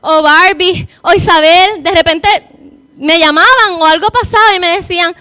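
Very high-voiced woman. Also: moderate pace, bright, forceful tone. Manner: heartfelt, repeats words for emphasis. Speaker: speaker giving a faith testimony. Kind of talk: personal testimony to an audience.

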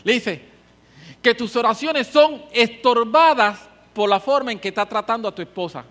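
A male preacher delivering a sermon with a notably high voice. He speaks passionately, pushing phrases louder for emphasis and then dropping back. His delivery is emphatic and driving. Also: normal speed. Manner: passionate, emphatic, with rising and falling volume.

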